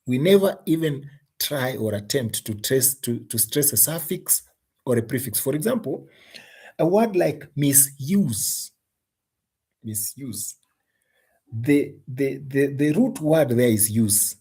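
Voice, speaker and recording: A man's voice: mid-range voice, very animated, a little slow, dark tone, breathy edge. A man with a Kenyan English accent teaching an exam-prep English lesson, emphatic and often repeating words.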